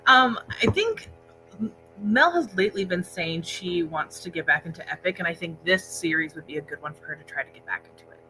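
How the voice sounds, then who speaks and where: This woman's voice is on the low side, sharp and animated, and a little fast. She co-hosts a casual livestream about books, talking conversationally into a laptop indoors in a library room. Slight background noise and rough recording quality.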